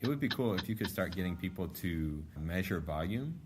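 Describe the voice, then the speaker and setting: A man's voice: sits low, lively intonation, brisk, heavy background noise. A young man co-hosting a podcast, joking in a dry, playful way. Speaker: podcast co-host. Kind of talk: casual chat. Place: Peru.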